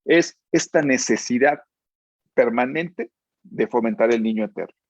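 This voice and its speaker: Male psychologist, Mexico City accent, husky, earnest lecturer, frequent "¿sí?" check-ins, dull lo-fi call audio. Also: mid-range voice, a little slow, dry recording. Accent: Mexico City Spanish. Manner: keeps checking in with a questioning "¿sí?"; earnest, explanatory, uses fillers like "este". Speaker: psychologist giving a keynote lecture. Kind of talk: lecture with told anecdotes.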